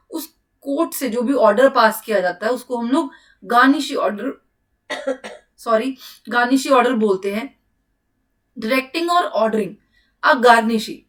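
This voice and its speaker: A young woman teaching an exam-prep lesson, who keeps asking the class questions and answering them herself, with English terms mixed in. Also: fairly high pitch. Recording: voice a little far from the mic.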